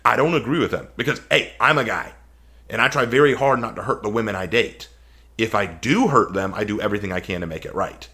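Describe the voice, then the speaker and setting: Hosting a response video, a man offers casual, opinionated commentary, arguing emphatically with sarcasm and incredulous rhetorical questions. His lowish voice is fast, pushed, and bright.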